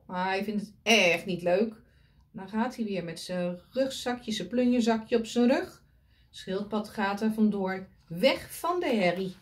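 A woman's voice: medium pitch, expressive, unhurried. A woman reading a picture book aloud to children, pointing at the pictures and asking them questions.

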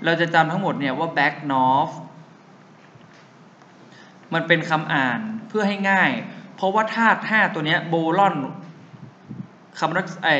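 Young male tutor, bright slow sing-song drilling, echoey classroom. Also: on the high side, muffled recording, a little hiss or hum. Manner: calls himself big brother to students. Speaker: chemistry tutor. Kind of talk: classroom lecture with memory tricks.

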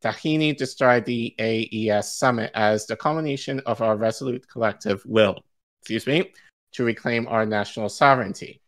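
Indoors in a home studio, a male co-host from an Igbo-speaking background reads news articles aloud on a live stream. He speaks in a mid-range voice at normal speed, stumbles over foreign names, and laughs easily.

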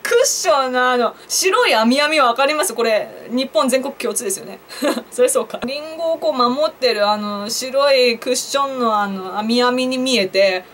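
Chatty woman vlogger, lively voice. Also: high voice, moderate pace, a little hiss or hum. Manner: chatty, laughs at her own jokes, asks viewers questions. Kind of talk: casual solo commentary to camera.

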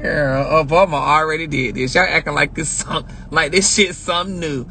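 A woman's voice: deep voice, fairly even intonation, normal speed, creaky, pushed and bright. A woman hosting a casual live stream from inside her car on a phone, talking in a brash, joking, profane way. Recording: car noise behind.

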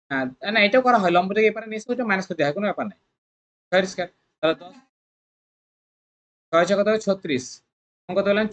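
Coaching-centre math tutor, mid pitch, rapid, drills students with constant questions. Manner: coaxing, repetitive. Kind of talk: exam-prep math lesson.

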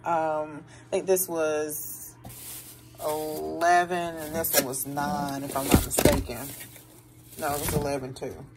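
A woman's voice: low voice, little pitch movement, measured pace, very noisy. A middle-aged woman, rambling chattily to viewers about her grocery haul in her kitchen. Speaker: vlogger showing a grocery haul. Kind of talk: casual chat to viewers. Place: home kitchen, indoors.

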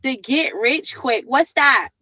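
A woman's voice: high voice, lively intonation, slow, pushed and bright, slightly rough, dry recording. A woman hosting a casual livestream chat, laughing often and calling viewers "my love". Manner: laughs often, affectionate, calls people "my love". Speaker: livestream host.

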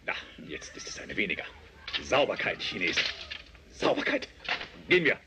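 A man's voice: mid-range voice, huge pitch swings, moderate pace, very noisy. A man dubbing a stern, moralizing male police marshal in a film who scolds theatrically. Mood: disgusted.

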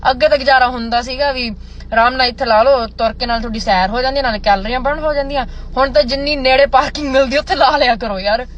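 A young woman chatting casually and opinionatedly, with animated, exasperated, dramatic emphasis and English mixed in. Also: sits high, quick pace. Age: young adult. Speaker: vlogger. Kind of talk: casual opinionated chat to camera, mixing in English.

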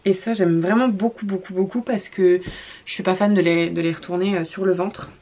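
A young woman, a mother, chatting casually in a haul vlog, gushing about baby clothes and often repeating words and filling pauses with "euh". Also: on the low side, steady tone, dark tone.

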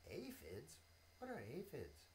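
A woman voicing a small, hungry, polite bee with a squeaky, excitable voice for children. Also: slow, slight background noise, exaggerated voice. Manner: squeaky, excited, shrill when shocked.

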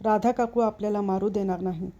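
A woman reading a novel aloud as a storyteller, with steady, expressive narration. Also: mid-range voice, brisk. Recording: slightly dull recording.

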